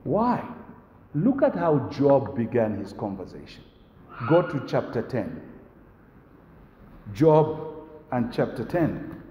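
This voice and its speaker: A man's voice: very animated, highs cut off, a little hiss or hum. A man preaching a sermon as pastor, reading scripture and explaining it with emphatic, rising delivery. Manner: slow, emphatic delivery, rising in pitch and force when quoting God. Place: church sanctuary. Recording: echoey church hall.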